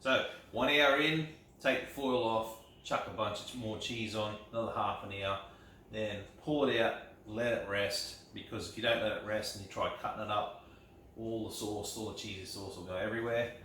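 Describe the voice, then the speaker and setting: A man's voice: lowish voice, steady tone, normal speed, bright, forceful tone, distant mic, slight background noise. Chatty man in an echoey kitchen. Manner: chatty, upbeat, laughs often. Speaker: cooking vlogger. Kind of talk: casual cooking vlog. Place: home kitchen.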